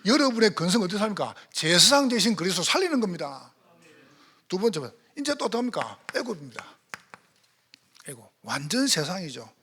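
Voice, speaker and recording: A man's voice: high-pitched, very animated, fairly quick, sharp tone, breathy edge. A male pastor with a Gyeongsang accent, preaching a sermon in church and firing rhetorical questions at the congregation. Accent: Gyeongsang Korean. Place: church sanctuary.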